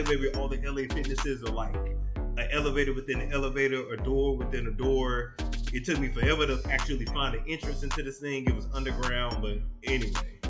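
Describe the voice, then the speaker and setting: A man in his thirties talks straight to his viewers in a loose, rambling, slang-heavy vlog voice, swearing freely. His pitch sits right in the middle. Music plays clearly behind him. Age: 30s. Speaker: vlogger. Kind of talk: casual vlog chat.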